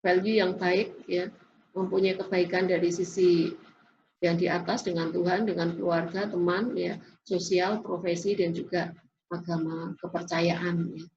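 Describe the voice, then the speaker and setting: A woman's voice: lowish voice, level tone, a little slow, a little mellow, a little hiss or hum. A woman giving a classroom lecture in an explanatory way, often tagging sentences with a questioning "ya". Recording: dull lo-fi recording.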